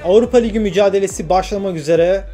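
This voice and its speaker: Brief: young gamer, high voice, excitable play-by-play, music under it. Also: male voice, fast. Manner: excitable, shouts at the game, talks to himself. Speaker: gaming YouTuber. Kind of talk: football game commentary. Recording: game music clearly under the voice.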